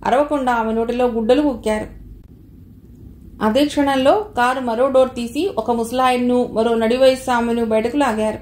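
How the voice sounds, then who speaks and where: A woman's voice: on the high side, fairly even intonation, normal speed, a little mellow, slight background noise. Woman narrating in an echoey room. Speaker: audiobook narrator. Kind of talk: scripted narration of a novel.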